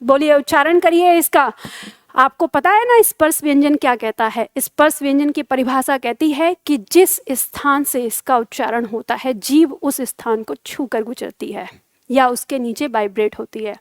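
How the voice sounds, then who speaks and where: A woman's voice: high-pitched, normal speed, no echo, clean studio sound. A woman teaching Hindi grammar in a lecture. She asks questions and answers them herself, and has the listeners say the sounds aloud. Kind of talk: classroom lecture.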